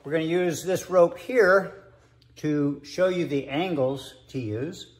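Older man joking through a slow home lesson. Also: fairly high pitch. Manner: joking, playful, rambling with fillers. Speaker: host. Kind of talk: comic how-to demo. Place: hallway of a home, indoors. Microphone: wireless earbuds. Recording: echoey hallway with faint noise.

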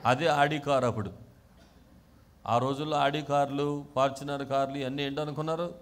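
Pastor guy preaching hard, pretty high voice, goes quiet then yells, keeps getting the church to answer back. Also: fairly even intonation, normal speed. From Andhra Pradesh, India. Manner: fervent preaching, swings from quiet to shouting; keeps calling the congregation to respond. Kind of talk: sermon.

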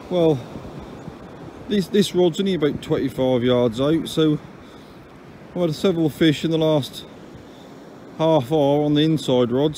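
An English angler films his own fishing trip on a phone he holds, giving a chatty, down-to-earth, matter-of-fact commentary from an open beach with dry little grumbles. His voice is a little high and mellow, and the outdoor recording picks up waves, surf, and wind.

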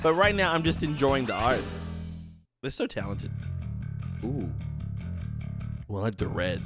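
With loud anime music playing underneath, a young man in a dim, colorfully lit home streaming room comments on what he's watching through a headset. His medium-pitched voice is very animated yet a little slow, and his casual reaction is full of exclamations and laughs.

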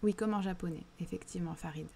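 The woman's voice is lowish, gravelly and darkish, steady in tone and fast, with a little hiss or hum on the recording. She's a literary livestream host with a southern French accent, reading chat questions in a live book discussion and speaking thoughtfully amid frequent hesitations and restarts.

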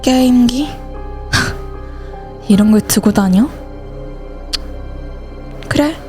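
A woman's voice: on the high side, very slow, mellow, faint music behind. A woman voicing every teenage schoolgirl character in a school horror story, switching between them in dialogue. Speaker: channel host and voice actor.

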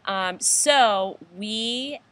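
A woman's voice: on the high side, very slow, a bit bright. A middle-aged woman, chatting casually and telling stories with frequent laughter. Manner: chatty, laughs often, tells stories animatedly. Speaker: host. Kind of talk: casual chat.

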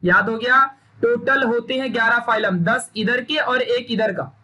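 A man's voice: very high-pitched, measured pace, sharp tone. A young man teaching a recorded science lesson, emphatic and stern, drilling points and scolding students into memorizing. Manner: stern, scolding pep talk.

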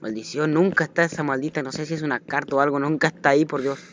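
A man giving let's play commentary on a horror game, jumpy and panicky, repeating phrases rapidly when chased. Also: on the high side, fairly even intonation, a bit bright, highs cut off. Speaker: gaming channel host. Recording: noisy home recording.

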